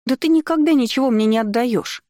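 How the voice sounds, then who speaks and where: A woman's voice: sits high, very animated, normal speed, a little mellow, no echo, studio quality, pitched above the performer's own voice. A woman voicing a petulant, spoiled young woman, a bratty younger sister who sounds indignant and whiny.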